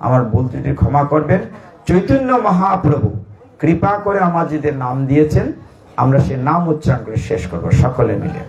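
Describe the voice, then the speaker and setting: Devotional preacher, man, fairly high voice, storytelling sermon, poses questions to the congregation and answers them himself. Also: big pitch swings, brisk, a little mellow. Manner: talks directly to children in the audience.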